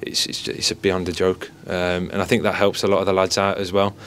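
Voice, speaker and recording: Young male goalkeeper, deep-ish voice, humble press-pen answers into handheld mics. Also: completely flat delivery, fairly quick, fairly bright tone, a little hiss or hum. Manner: modest, repeats stock phrases. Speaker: football goalkeeper. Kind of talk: post-match interview. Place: indoor press area by sponsor board. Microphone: several handheld mics and phones held close.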